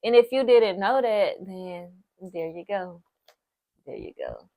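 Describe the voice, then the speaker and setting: A nineteen-year-old woman vlogs casual advice straight to camera in a mellow, mid-range voice with lively intonation and a slow pace. She is chatty and encouraging, repeats points for emphasis, and uses lots of "like" and "so, yes"; the studio-quality recording has no room sound.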